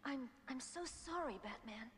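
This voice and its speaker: A woman voicing a gentle, caring superheroine in an animated cartoon drama. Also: high-pitched, measured pace, long reverb tail, a little hiss or hum.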